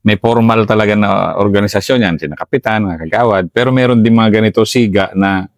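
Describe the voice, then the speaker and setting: Filipino host with a low, measured voice. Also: male voice, dry recording. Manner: slow and deliberate, sums up points and asks follow-ups. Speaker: interview host, retired colonel. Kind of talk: reflective interview talk.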